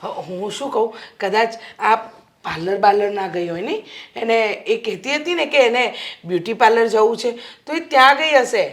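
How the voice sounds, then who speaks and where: A woman playing a calming, placating mother. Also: fairly high pitch, normal speed, close to an everyday voice. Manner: soothing, placating. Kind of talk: Gujarati film acting.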